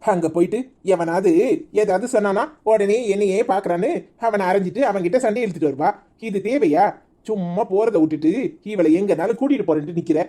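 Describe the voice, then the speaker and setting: A woman's voice: mid-range voice, a little fast, warm tone, natural voice. A woman voicing a sarcastic, grumbling village father in a cartoon, with a Tirunelveli accent. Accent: Tirunelveli Tamil.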